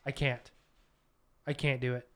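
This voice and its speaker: A man's voice: mid-range voice, flat delivery, measured pace, a bit bright. A man co-hosting a casual podcast with his partner, rambling and joking about himself. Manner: rambling, self-deprecating, jokey. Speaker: podcast co-host. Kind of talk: casual couple chat.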